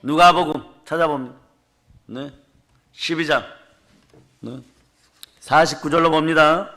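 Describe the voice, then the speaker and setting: A man preaching a fervent revival sermon to a congregation, declaring blessings and prompting the listeners with quick tag questions. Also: fairly high pitch, bright, forceful tone. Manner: emphatic declarations answered by the congregation. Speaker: pastor. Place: church service before a congregation.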